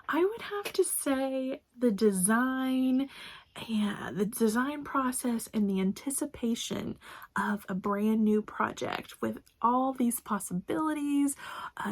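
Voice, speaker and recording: A woman's voice: medium pitch, a little mellow. A young woman from Indiana answering viewer questions in a casual sewing vlog, chatty and enthusiastic, laughing often, recorded in her home sewing room. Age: young adult. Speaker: sewing vlogger.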